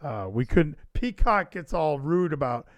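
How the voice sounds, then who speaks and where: A man's voice: on the high side, sing-song, measured pace, no room sound. A man hosting a podcast livestream in casual chat, rambling and emphatic, repeating phrases for effect. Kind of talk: casual wrestling show chat.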